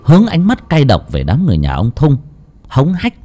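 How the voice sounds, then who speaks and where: A man narrating a ghost story audiobook in a dramatic, expressive way. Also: on the high side, moderate pace.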